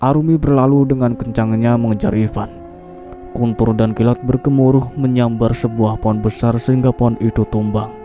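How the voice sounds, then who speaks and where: A man's voice: medium pitch, normal speed, highs cut off. Male horror story narrator over music. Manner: steady storytelling reading. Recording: voice over clear background music.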